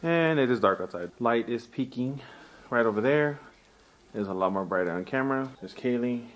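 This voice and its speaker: A man vlogging casually, joking and chatting to viewers about cooking outside and warming up by the fire. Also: mid-range voice, animated, normal speed. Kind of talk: casual vlog chat. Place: cabin deck and indoors by a fire, in the cold.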